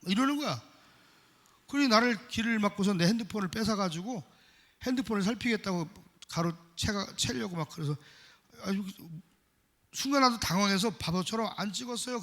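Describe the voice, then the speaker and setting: A middle-aged man preaching a sermon as pastor, emphatic, swinging from loud exhortation to quiet confession. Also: sits high, lively intonation, fairly quick. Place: church sanctuary. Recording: long church hall reverb.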